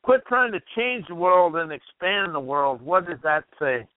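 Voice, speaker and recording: A man's voice: high voice, sing-song, moderate pace, no echo. A man hosting a motivational call-in radio show, rambling and asking the listener questions while losing his voice. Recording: tinny phone-like radio line.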